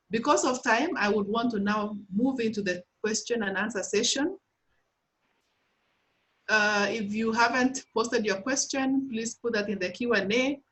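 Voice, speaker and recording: A woman's voice: on the high side, low-quality recording. A woman moderating a webinar Q and A, reading out questions and encouraging the speakers. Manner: warm, encouraging, reads out questions. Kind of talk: hosting a Q and A session.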